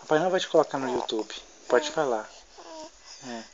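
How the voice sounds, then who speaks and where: A man's voice: mid-range voice, lively intonation, moderate pace, background noise. A man coaxing his baby to talk, repeating words in a sing-song, teasing way at home. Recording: dull lo-fi home video.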